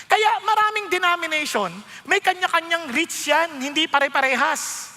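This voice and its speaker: Guy preaching, really high bright voice, big echoey hall. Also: moderate pace. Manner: animated, joking, code-switching into English. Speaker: pastor. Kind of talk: sermon. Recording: long hall reverb.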